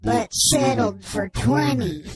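Brief: a woman as anonymous radio guest, disguised deep voice filter, crawling slow deadpan delivery. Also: breathy edge, no echo, exaggerated voice. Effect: voice-disguising filter, slowed and deepened.

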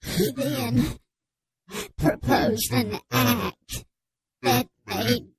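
A woman as an anonymous radio caller whose voice is disguised with a slowed, deepened filter, speaking in a prim deadpan. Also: slightly rough, no echo, full character voice.

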